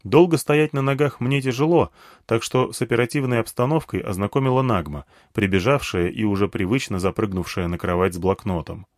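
A man reading a first-person story aloud in an expressive, conversational storytelling manner. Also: on the low side, brisk, no echo, studio quality. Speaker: audiobook narrator. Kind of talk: first-person audiobook narration.

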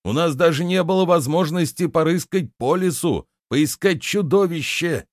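A man's voice: fairly high pitch, moderate pace, dry recording, studio quality, pitched above the performer's own voice, lightly acted. A man voicing a lean, anxious young tailor who talks in a raised, fretful voice, as in an audiobook reading. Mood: puzzled.

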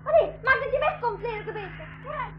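A woman's voice: very high-pitched, steady tone, quick pace, noisy background. A woman voicing a bold, scolding young girl with a Flemish accent in a 1980s school radio play. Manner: scolding, bossy. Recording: dull lo-fi 1980s radio recording with music.

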